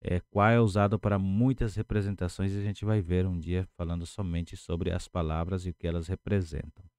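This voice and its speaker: A man giving a language lesson at a whiteboard, patiently explaining words and repeating each one slowly. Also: deep voice, little pitch movement, darkish tone, clear, resonant tone, no room sound. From Paraguay. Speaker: language teacher.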